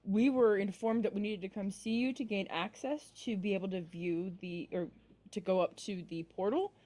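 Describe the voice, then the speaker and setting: A woman's voice: medium pitch, normal speed, warm tone. Eager woman player at a tabletop game.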